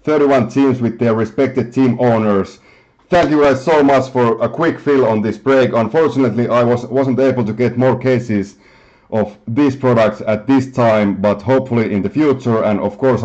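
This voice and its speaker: A man hosting a card group break from his apartment, reading out names in a friendly, unhurried way and stumbling over some of them. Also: medium pitch, a little mellow, muffled recording. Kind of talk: casual hosting, reading out a list. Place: home apartment.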